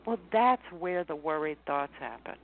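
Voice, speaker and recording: A woman guest on a radio interview, working as a life coach, explaining her advice in an animated way and repeating phrases for emphasis. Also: sits low, normal speed. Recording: tinny phone-line sound, dry.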